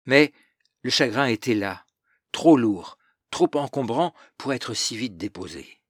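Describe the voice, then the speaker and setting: A man narrating a novel as an audiobook in a measured, literary manner. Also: mid-range voice, lively intonation, slightly rough, dry recording, clean studio sound.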